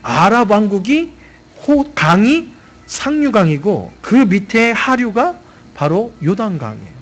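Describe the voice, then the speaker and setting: A man preaching a sermon as a pastor in a church, telling a story in an animated way and often speaking directly to the congregation. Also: sits high, slow pace. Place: church sanctuary.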